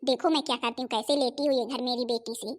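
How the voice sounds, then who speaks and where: A woman's voice: fairly high pitch, fairly even intonation, fast talker, pitched below the performer's own voice, lightly acted. A woman voicing a scheming older mother who stirs trouble in her daughter's in-laws' home, scolding and sneering in a Hindi cartoon.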